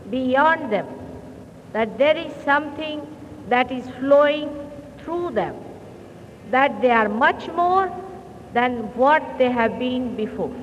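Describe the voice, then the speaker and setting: A woman with a high voice preaches in slow, deliberate phrases and pauses now and then to clear her throat. Her voice reaches the microphone in a large hall with a long ring of reverb. The old 1970s recording sounds muffled and carries a faint hiss. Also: fairly bright tone. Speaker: spiritual teacher. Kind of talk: sermon. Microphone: speaking into a hall microphone.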